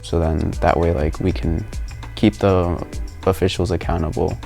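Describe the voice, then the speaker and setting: A man's voice: sits low, little pitch movement, moderate pace, gravelly, darkish tone, faint music behind. A young man, a community leader, talking casually with fillers and hesitations about his volunteer work. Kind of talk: interview-style testimonial.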